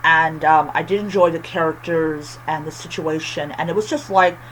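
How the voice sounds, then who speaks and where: A book reviewer chatting casually with a lisp and whistling s from missing teeth, halting often and repeating phrases. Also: mid-range voice, fairly even intonation, fairly bright tone, a little hiss or hum, low-quality recording.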